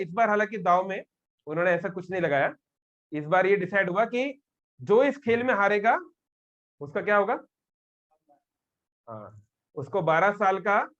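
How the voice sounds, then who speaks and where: A man's voice: high-pitched, muffled recording. A man giving a live devotional talk to young people, telling a scripture story and acting out the characters' lines. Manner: animated, acts out characters' quotes. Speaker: devotional speaker. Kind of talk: storytelling sermon to youth. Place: live session with audience.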